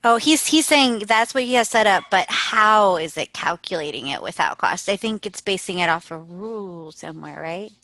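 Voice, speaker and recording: A woman's voice: medium pitch, expressive, normal speed, few pauses, bright, forceful tone, dry recording, low-quality recording. A woman hosting a webinar, asking questions in a rambling, casual way with lots of restarts. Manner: rambling, many restarts and fillers. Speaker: webinar host.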